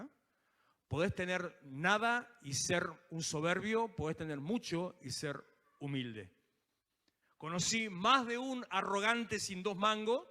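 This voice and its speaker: A man preaching a sermon with a Rioplatense Spanish accent, acting out quoted prayers with lively asides. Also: high voice. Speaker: pastor. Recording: live church service in a reverberant hall.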